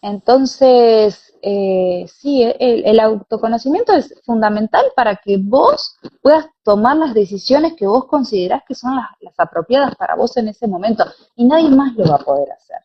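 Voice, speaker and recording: Over dull, lo-fi online call audio, a young pilates teacher and former dancer answers an interviewer's questions conversationally. Her fairly high voice has lively intonation, a moderate pace, and slight roughness, with an Argentine Spanish accent.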